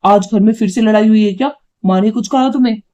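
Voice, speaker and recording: A woman's voice: mid-range voice, fast talker, mellow, natural voice. A woman voicing a hot-tempered young husband and son in a cartoon, scolding and indignant. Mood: concerned. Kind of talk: cartoon voice acting.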